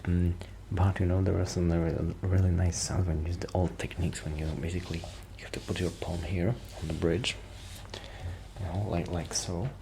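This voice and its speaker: In a low-quality recording with clear noise, an ASMR performer plays a musician friend, speaking softly in an extremely low, gravelly voice that occasionally nears a whisper. His tone is level and speed normal as he rambles casually, shy, apologetic and hesitant.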